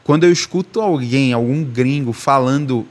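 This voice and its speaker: A man's voice: mid-range voice, moderate pace. A man with a Recife accent from Northeast Brazil, giving a casual online language lesson and checking in often with the listener. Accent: Recife Brazilian Portuguese. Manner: casual, chatty, repeats "tá?" and "beleza?". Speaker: language teacher.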